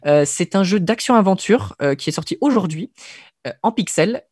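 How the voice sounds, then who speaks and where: Chatty radio gaming presenter. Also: male voice, high-pitched, lively intonation, moderate pace, a little mellow, breathy edge, no room sound, studio quality. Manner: hesitant, frequent "euh" fillers, wry. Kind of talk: casual radio chat.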